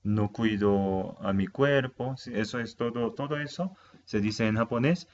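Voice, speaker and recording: A man teaching a language lesson in a casual video, slowly repeating words for learners to say after him. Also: mid-range voice, dull audio.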